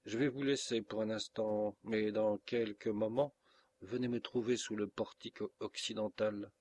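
Man reading grim threatening stranger, low husky voice, audiobook. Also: steady tone, normal speed, a little mellow, lightly acted. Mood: urgent. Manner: urgent, grave and threatening. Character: cold menacing mysterious male stranger.

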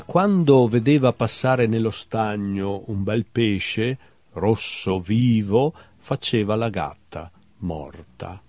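A man's voice: mid-range voice, dry recording. A man reading a playful little bestiary of short love fables aloud, with a wry, humorous recital in a TV studio talk show. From Veneto, Italy. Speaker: guest poet. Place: television studio.

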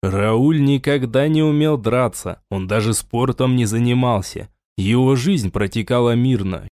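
A man reading a science fiction audiobook in a measured, dramatic narration. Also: medium pitch, darkish tone, no echo, clean studio sound. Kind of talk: scripted narration.

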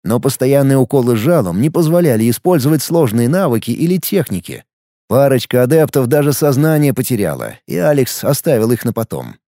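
A man narrating an audiobook with expressive storytelling and a lively, moving pitch. His voice is somewhat high with a gravelly edge. The recording is dry and close. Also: a little fast, no room sound. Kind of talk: scripted narration.

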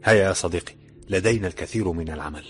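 A man's voice: low voice, racing, a bit bright, soft background music. A man voicing a confident, teasing young laborer who slips into an Egyptian accent. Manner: cheerful, teasing.

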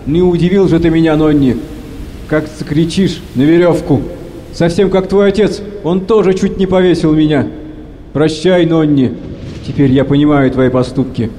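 A man's voice: on the high side, fairly even intonation, normal speed, mellow, slight background noise, natural voice. An actor playing a defiant old male sailor who mocks his captain, in an audio play reading. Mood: mocking. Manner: mocking, raised voice. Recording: long hall reverb.

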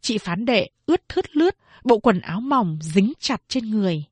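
Husky-voiced woman reading a novel. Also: medium pitch, no room sound. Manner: steady, measured storytelling. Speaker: narrator. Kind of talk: audiobook narration of a novel.

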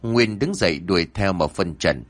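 Male horror narrator: low register, animated delivery, does the character voices himself. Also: moderate pace. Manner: voices characters' dialogue with shifting pitch. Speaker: storyteller.

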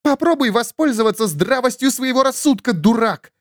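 A man voicing a sharp-tongued, scornful woman who snaps and scolds in an audiobook story. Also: high voice, very animated, moderate pace, no echo, studio quality, pitched above the performer's own voice. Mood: scornful snapping. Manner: snapping, scolding, sarcastic.

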